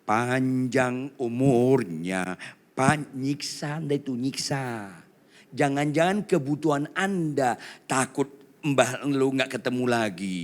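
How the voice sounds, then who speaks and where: A male pastor preaching a lively sermon, swinging between loud cries and hushed asides while urging the congregation to answer louder. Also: mid-range voice, a little slow. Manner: quizzes the congregation and urges them to answer louder.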